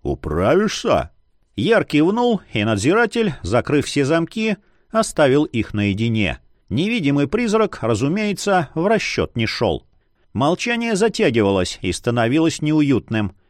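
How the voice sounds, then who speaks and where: A man narrating a fantasy audiobook in an expressive storytelling manner. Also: on the high side, unhurried, dry recording, studio quality.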